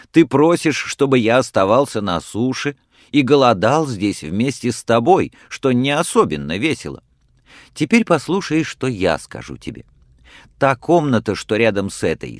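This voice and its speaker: A man's voice: medium pitch, no room sound, studio quality, pitched above the performer's own voice, lightly acted. A man reading aloud voices a defiant nineteen-year-old son who argues insistently with his mother. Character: bold young man of nineteen, defiant and stubborn.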